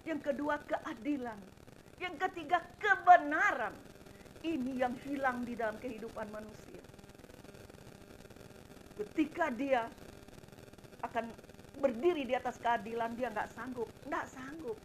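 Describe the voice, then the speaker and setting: A middle-aged woman preaching an impassioned sermon, swinging between loud emphasis and quiet asides, addressing her congregation directly. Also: high-pitched, unhurried, long pauses, a little hiss or hum, low-quality recording. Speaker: evangelist preacher.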